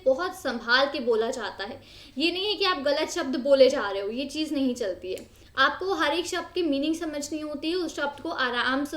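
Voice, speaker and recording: Young woman teacher, high-pitched, patient explainer, slightly echoey room. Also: fairly bright tone. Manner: explains in Hindi, slowly reads English textbook lines; repeats and rephrases, frequent fillers. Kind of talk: exam-prep history lecture.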